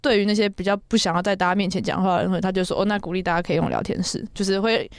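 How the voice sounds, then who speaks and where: Fast-talking young Taiwanese-accented woman. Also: medium pitch, fairly even intonation, no echo, studio quality. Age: young adult. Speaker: podcast host and international student. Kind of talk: casual podcast chat.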